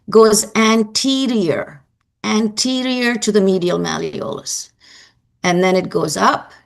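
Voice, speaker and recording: A woman giving a live anatomy lecture, brisk and emphatic, quizzing her students as she goes. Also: mid-range voice, creaky.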